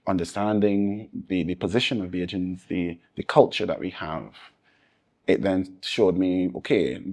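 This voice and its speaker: A Barbadian man speaks as an interview guest, his voice sitting very low with a husky edge. He answers earnestly and in measured steps, stacking his points in repeated phrases. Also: a little mellow. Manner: measured, listing points in layered repetition. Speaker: interview guest, disaster resilience advocate.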